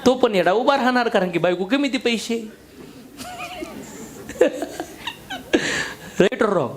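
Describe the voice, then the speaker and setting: A man's voice: high-pitched, lively intonation, slow pace, a little hiss or hum. A man giving a motivational business seminar talk to a live audience, blunt and slangy, joking and firing questions at the crowd.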